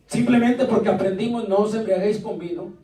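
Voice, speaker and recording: High-voiced pastor preaching in an echoey church. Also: male voice, brisk. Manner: lively, joking, calls out to the congregation. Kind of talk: sermon. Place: church sanctuary. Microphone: distant from the mic. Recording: echoey church recorded from a distance.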